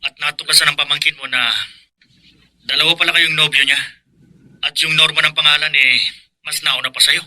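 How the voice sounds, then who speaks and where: An actor playing Miguel, a loyal younger brother who speaks earnestly and pleadingly, in a radio drama. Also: male voice, fairly high pitch, fairly even intonation, fairly quick, pauses often, sharp tone, no room sound.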